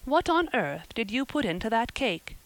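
A woman voicing a stern, practical older guardian in a storybook, with a brisk, blunt, scolding manner. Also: fairly high pitch, big pitch swings, no room sound, pitched above the performer's own voice. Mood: exasperated.

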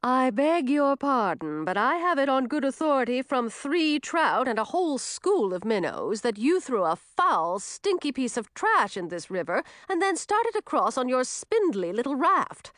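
A woman voicing a furious female river nymph who wails and shouts in outrage, for an audiobook. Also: sits high, big pitch swings, moderate pace, few pauses, no echo, clean studio sound, voice pushed up. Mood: indignant. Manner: shouting, wailing, indignant. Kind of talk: audiobook character voice.

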